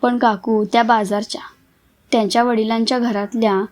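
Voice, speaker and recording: A woman's voice: fairly high pitch, flat delivery, moderate pace, a little mellow, natural voice. A woman reading the part of an orphaned young woman who pleads with her brothers through tears. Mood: pleading. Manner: pleading, emotional.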